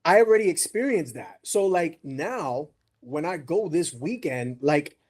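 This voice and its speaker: Podcast guy, kinda husky, higher voice, cussing and doing all the voices in his story. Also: unhurried. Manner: animated, profane, acts out dialogue. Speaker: podcast host. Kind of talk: casual storytelling chat.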